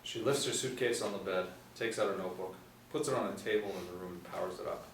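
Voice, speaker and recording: At a screenplay table read, a middle-aged man reads the stage directions as scripted narration, his voice lowish, creaky, and quick. The group sits in a small indoor room, captured by a distant mic with a roomy sound and faint room noise.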